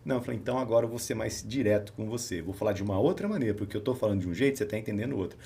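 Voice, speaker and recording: A Brazilian man hosts a relaxed podcast conversation, talking fast with a lively, swinging pitch. He acts out his exchanges with patients as he tells them. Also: creaky, a little hiss or hum. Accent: Brazilian Portuguese. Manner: animated storyteller, acts out dialogue with patients. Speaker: podcast host and therapist. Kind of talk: casual podcast chat.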